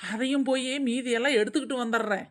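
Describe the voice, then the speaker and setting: A woman's voice: fairly high pitch, steady tone, quick pace, lightly acted. A woman voicing a greedy, boastful village woman. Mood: scheming. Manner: boastful, wheedling. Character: greedy chatty village woman hoarding wedding leftovers. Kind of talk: animated comedy dialogue.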